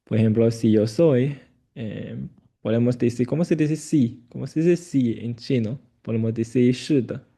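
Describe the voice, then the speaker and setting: A man's voice: medium pitch, moderate pace, creaky, mellow, breathy edge. A man teaching a language lesson, patient and prompting with frequent affirming murmurs. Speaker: Chinese teacher.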